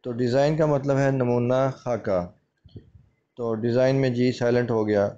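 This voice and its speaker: A man teaching English pronunciation as a lesson, repeating each word slowly and explaining its meaning. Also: medium pitch, fairly even intonation, mellow, dull audio.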